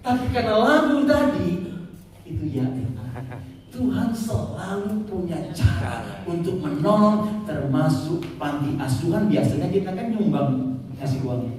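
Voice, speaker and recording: A man preaching a sermon with storytelling, animated, jumping high and dropping low as he tells it, now and then singing a line. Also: a little slow. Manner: animated, voice leaps high for quoted speech and drops low, breaks into short sung lines. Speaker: pastor. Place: church hall. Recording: very echoey hall, voice from far off, faint room noise.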